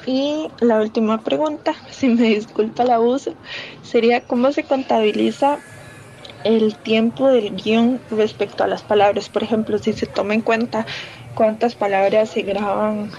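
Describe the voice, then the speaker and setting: A woman's voice: a little high, steady tone, moderate pace, warm tone, dull audio. A woman from Rica, a listener politely and somewhat hesitantly putting questions to the host. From Costa Rica.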